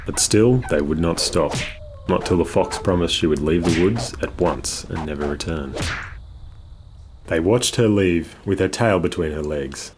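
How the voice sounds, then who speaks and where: A man reading a children's storybook aloud in a measured, expressive way. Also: low voice, background noise. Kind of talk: scripted storybook narration. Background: guitar music.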